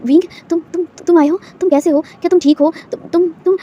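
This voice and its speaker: Woman doing a heartbroken young boss guy, stammery and tearful, kinda high and fast, storybook style. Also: steady tone, warm tone, slightly rough, dull audio. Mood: anxious, pleading. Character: heartbroken young male boss, lovesick and pleading.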